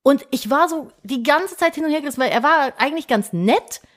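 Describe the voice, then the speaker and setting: A woman's voice: high voice, a little fast. A woman in her thirties, co-hosting a casual podcast and telling a story with lots of quoted dialogue and fillers. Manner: animated retelling with quoted dialogue, many fillers. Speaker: podcast co-host.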